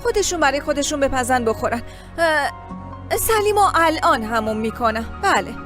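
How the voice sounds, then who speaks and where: A woman dubbing a young mother in a Persian dub of a Turkish drama, who acts calm as if nothing happened. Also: high-pitched. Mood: composed. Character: young mother hiding her hurt. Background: music.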